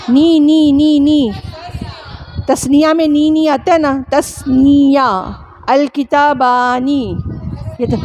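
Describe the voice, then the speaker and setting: A high-pitched woman from Pakistan teaches a grammar class. She drills her students by repeating syllables again and again and keeps quizzing them with short, quick questions. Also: a little mellow, slight background noise.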